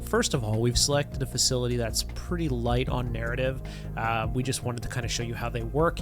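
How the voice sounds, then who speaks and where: A man in his thirties, a game developer's community manager, gives a chatty, loose update video from his neon-lit home studio, speaking into a desk podcast mic. His medium-pitched voice is creaky and nasal from a cold, and he uses lots of fillers. A music bed plays under his voice.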